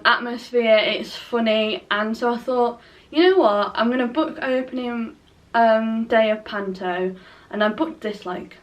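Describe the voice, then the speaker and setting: A young Englishwoman with a Nottingham accent chats casually in a home vlog by a window, rambling and using lots of fillers. Her voice is a little high, and she sits far from the mic.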